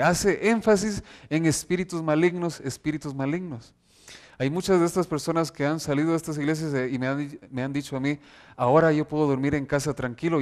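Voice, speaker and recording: Speaking on the high side, a man delivers an earnest sermon, reading scripture off slides and slowing down to stress key verses.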